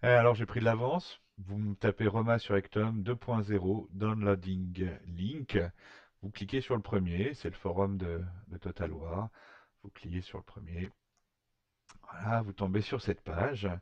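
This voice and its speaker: A man talking through a screen-recorded software tutorial, hesitant, with many fillers and restarts. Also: lowish voice, moderate pace, dry recording, lo-fi sound. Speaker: tutorial maker.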